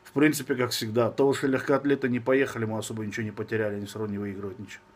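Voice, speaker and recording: On a live stream shot with a phone held at arm's length, a fitness coach in his thirties answers viewers casually and bluntly. Braces give him a slushy, lisping s, and he talks very fast at medium pitch with a flat delivery.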